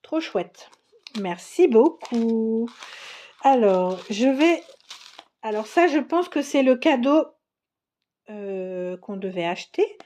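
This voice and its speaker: With a fairly high, mellow voice and lively intonation, a French crafting vlogger unboxes her items slowly, leaving long pauses. Still chatty and enthusiastic, she exclaims over each piece and laughs often.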